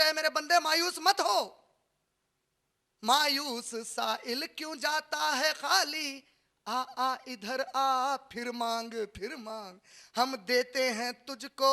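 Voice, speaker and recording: A man giving an impassioned religious lecture in a hall, moving from quiet asides to loud cries and putting rhetorical questions to his audience. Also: extremely high pitch. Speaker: preacher.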